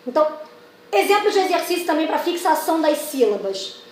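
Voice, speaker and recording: A woman's voice: sits high, very animated, a little fast. A woman training teachers, explaining step by step with many examples and acting out classroom questions. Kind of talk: explanatory lesson. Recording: echoey room with faint noise.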